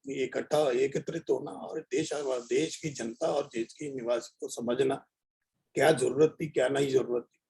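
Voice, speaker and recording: A man's voice: medium pitch, gravelly, a little mellow, slightly rough. A middle-aged man with an Indian accent, giving an informal online lecture in an earnest, rambling, repetitive way. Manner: earnest, rambling, repeats phrases. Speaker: professor giving a talk.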